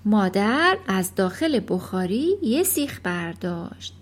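A woman reading a children's novel aloud in an expressive storytelling manner. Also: medium pitch. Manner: expressive, animated. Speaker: audiobook narrator.

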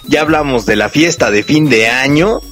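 A man's voice: mid-range voice, animated, normal speed, a bit bright, soft background music. A Mexican man chatting casually in slang as a call-in co-host on a radio show.

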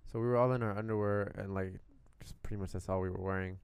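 A young Puerto Rican man co-hosts a podcast, telling stories in blunt, profanity-filled language with animated retellings and quoted asides. His voice is fairly low, quick and gravelly, and the recording is clean and dry.

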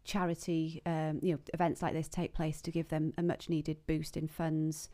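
A woman, a running coach being interviewed on a podcast, speaking in a measured, informative way with frequent "um" fillers. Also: sits low, level tone, mellow.

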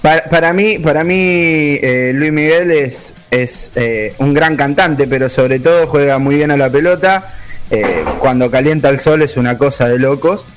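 Man, comic football pundit, sarcastic, mock-serious, slightly high voice. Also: a little slow, soft background music. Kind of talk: comic panel banter.

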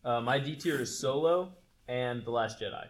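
A man's voice: mid-range voice, moderate pace. A young man co-hosting a podcast, talking casually with many fillers. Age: young adult. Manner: hesitant, many fillers and likes. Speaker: podcast co-host. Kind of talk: casual chat.

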